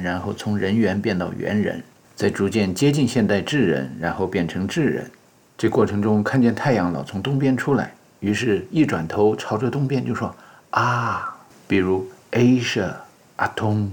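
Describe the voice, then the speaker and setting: Low husky man narrating wryly. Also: a little mellow. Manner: wry, mock-scholarly joking. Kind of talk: scripted satirical narration.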